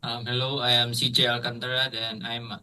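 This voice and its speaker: A man in his twenties from the Philippines, a drummer, answers softly in short, halting sentences. His voice is sharp and bright with a flat, even pitch. He sounds some way off from the microphone. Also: slight background noise. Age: 20s. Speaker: drummer and guest. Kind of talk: casual interview. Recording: distant from the mic.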